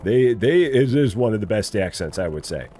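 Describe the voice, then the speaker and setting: Slight background noise accompanies a gaming streamer whose dark, very animated voice sits on the low side at a moderate pace. Speaking with a General American, Midwest Illinois accent, he chats casually during live play, teasing in fun and repeating himself.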